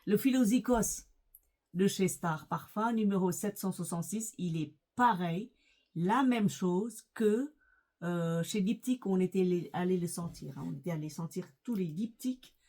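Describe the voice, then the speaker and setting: A woman's voice: on the low side, normal speed, warm tone. A middle-aged woman chatting casually in a vlog, hesitant, with many fillers and restarts. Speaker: lifestyle vlogger. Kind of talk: casual chat about perfumes.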